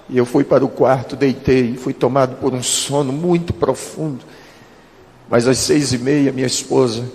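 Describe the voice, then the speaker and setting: A man's voice: medium pitch, darkish tone, in a large hall. A man, a pastor telling a personal testimony earnestly and calling his listeners beloved.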